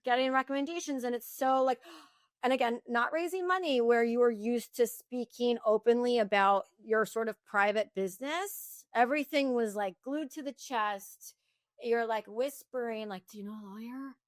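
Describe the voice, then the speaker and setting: A woman who founded a company, talking candidly in an interview, fast and animated, with many restarts and "like.". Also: on the high side, no room sound, studio quality. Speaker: founder and guest.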